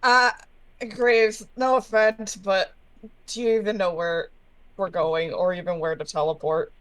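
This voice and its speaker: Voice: medium pitch, flat delivery, measured pace, fairly bright tone, dry recording, poor audio. Hesitant gamer in group voice chat, dry sound. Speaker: tabletop role-playing game player. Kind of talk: group voice chat, casual role-play.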